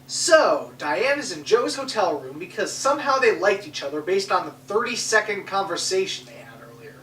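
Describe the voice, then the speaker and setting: A woman's voice: medium pitch, big pitch swings, normal speed, a bit bright, slight background noise. A young woman recapping a movie plot with sarcasm and swearing in a comedic review. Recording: roomy, far from the mic.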